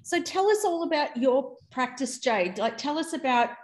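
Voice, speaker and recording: A woman's voice: sits high, lively intonation, moderate pace. A woman hosting a conversational interview in an encouraging, affirming manner. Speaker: interview host. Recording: roomy, echoing voice recording.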